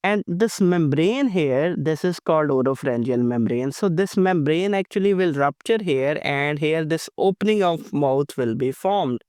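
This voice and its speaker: Higher-pitched male lecturer with a sore throat. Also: lively intonation, moderate pace, few pauses, darkish tone, smooth, no echo, studio quality. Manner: didactic, repeats points and checks understanding. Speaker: anatomy lecturer. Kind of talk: explanatory narrated lecture. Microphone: voice-over for animated lecture.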